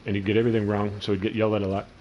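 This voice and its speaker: Man, very low voice, crude rambling gameplay commentator. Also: little pitch movement, very fast, muffled recording, a little hiss or hum. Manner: crude, profane, rambling storyteller. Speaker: gaming channel host.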